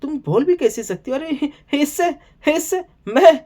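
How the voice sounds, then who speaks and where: Shrill, defensive woman, indignant and squeaky, mocked by a man in falsetto. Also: animated, a little slow, a little mellow. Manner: mocking high falsetto.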